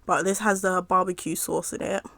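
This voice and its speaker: A young woman in a casual mukbang storytime, rambling with lots of fillers and pausing to eat as she talks. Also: lowish voice, level tone, a bit bright, no room sound. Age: young adult. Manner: chatty, rambling with many fillers, pauses to eat. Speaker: mukbang vlogger. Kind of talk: casual storytime while eating.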